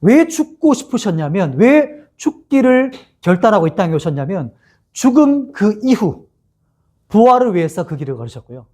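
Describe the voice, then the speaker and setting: A man's voice: high voice, big pitch swings, normal speed, a little mellow. A male pastor giving an expository sermon to young adults, telling the story and asking the listeners rhetorical questions.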